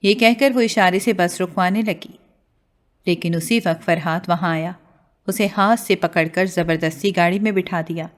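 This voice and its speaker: A woman narrating a romance novel in a steady, expressive reading voice. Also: fairly low pitch. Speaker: audiobook narrator. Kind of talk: storybook narration.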